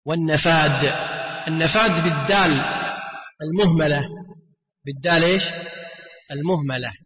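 An Islamic scholar with a fairly high voice teaches a religious lesson explaining a text at normal speed, often repeating words and posing rhetorical questions to his students. The recording is muffled and lo-fi, made in an echoey hall.

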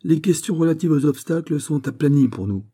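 A man voicing a calm older male nobleman who speaks in a measured, courteous and unyielding way. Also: fairly high pitch, pitched above the performer's own voice. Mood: earnest.

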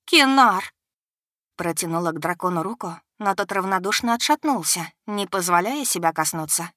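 A woman reading a fantasy audiobook in a measured, even way. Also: on the low side, no echo, studio quality. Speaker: narrator.

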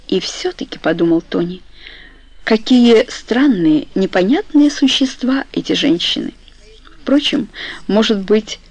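A woman narrating an audiobook in a calm, measured, soft storytelling manner, recorded dry and close. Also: fairly high pitch, dry recording, low-quality recording.

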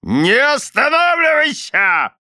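Storybook bully husband, booming and bright, voiced by a male reader. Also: wildly swooping pitch, dry recording, studio quality, full character voice. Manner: loud, slow, booming commands. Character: blustering bullying middle-aged husband.

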